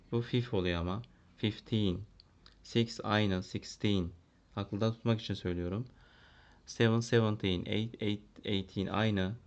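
A man from Turkey working as a primary school English teacher, walking through a lesson, translating and thinking aloud with fillers. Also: fairly low pitch. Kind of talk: classroom lesson walkthrough. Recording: dull lo-fi recording.

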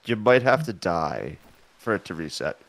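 Deep-voiced man with lively pitch, streaming. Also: normal speed, vocal fry, no echo. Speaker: gaming streamer. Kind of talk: casual gameplay chat.

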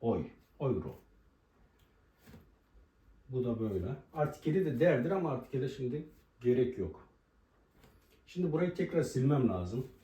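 Man, language teacher, dark mellow voice, repeats example words, room echo. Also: medium pitch, very animated. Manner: repeats each example word slowly. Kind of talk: board lesson explaining pronunciation. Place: room with a writing board. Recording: roomy echo, voice from a distance.

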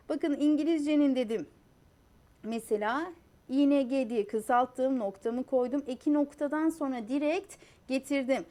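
A woman's voice: high-pitched, darkish tone. A young adult woman teaching a lesson on spelling rules. She asks rhetorical questions, repeats key points and spells out letters one by one. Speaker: Turkish language teacher.

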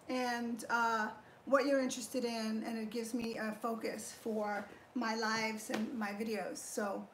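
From her garage home gym, a middle-aged woman hosts a casual fitness livestream, upbeat as she thanks viewers and explains her training step by step. Her voice is on the high side, picked up by a fixed camera a few feet away in an echoey room with slight background noise.

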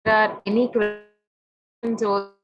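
A woman presents a library's building in a webinar over a video conference call. She explains at length and often pauses to search for her words. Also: mid-range voice, level tone, music in the background. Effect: video conference call audio that drops out at times. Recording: dull dry video-call audio.

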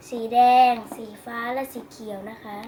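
A woman's voice: fairly high pitch, fairly even intonation, moderate pace, a little mellow, slight background noise. A female speaker presenting a casual product review, politely addressing viewers. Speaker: toy reviewer.

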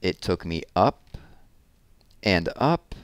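Through a headset mic at home in a small room, a man in his thirties gives expressive readings of children's picture books with casual comments along the way. His voice sits low and sounds clean and animated at a slow pace, without room sound.

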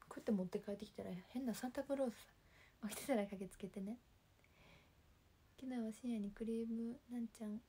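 A young woman with a Kansai accent, chatting casually on a livestream and reading viewer comments in a soft, calm voice that often drops near a whisper. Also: a little high, breathy edge. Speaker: livestream host. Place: home.

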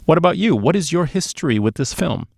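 A slightly high, gravelly, somewhat mellow male voice rushes along, very animated, as a middle-aged podcast co-host gives an emphatic, casual movie review. He's close to a boom-arm mic in a small dark sound-treated booth, and the sound is dry.

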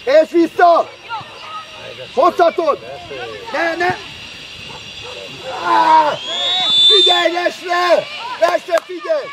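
A man coaching youth football from the sideline, shouting short urgent instructions and player names outdoors. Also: very high voice, fairly even intonation, pauses often. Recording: crowd noise from an outdoor match.

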